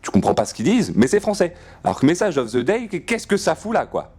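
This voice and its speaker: Animated, playful male gaming host. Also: a little high, a little fast, breathy edge. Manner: rambling, swears often, restarts sentences; playful, jokey rants. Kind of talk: casual gameplay commentary.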